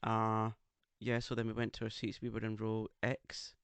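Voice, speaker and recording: A man's voice: lowish voice, completely flat delivery, normal speed, creaky, a bit bright, clean tone, no room sound. A man co-hosting a casual podcast, with an English accent and a camp, theatrical, teasing way of talking. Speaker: podcast co-host. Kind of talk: casual chat. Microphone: studio microphone.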